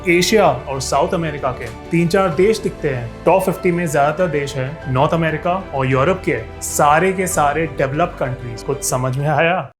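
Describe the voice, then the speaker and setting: A man's voice: a little high, moderate pace, hardly any pauses, music in the background. A man, a fitness YouTuber, narrating a scripted explainer. He speaks to his viewers, often asks rhetorical questions and adds sarcastic asides.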